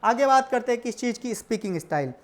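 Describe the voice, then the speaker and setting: A man teaching a lecture for exam prep, in a lively style, who asks questions and answers them himself and keeps calling his students brother and kids. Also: very high-pitched. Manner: stretches English definitions out slowly.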